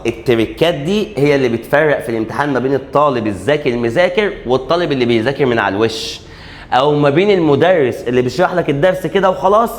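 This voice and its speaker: An Egyptian Arabic-accented male teacher running an exam-prep grammar lesson. His voice sits slightly high, and he keeps the talk lively by voicing his students' questions and answering them himself. He stretches key letters out slowly for emphasis. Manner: animated, asks and answers his own questions. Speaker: English teacher.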